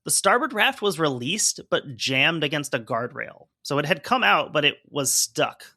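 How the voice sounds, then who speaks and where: A man's voice: a little high, big pitch swings, normal speed, pushed and bright, no room sound, studio quality. A man co-hosting a podcast, reading from a report and chatting casually with lots of fillers. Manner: conversational, hedging with fillers while explaining. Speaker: podcast co-host.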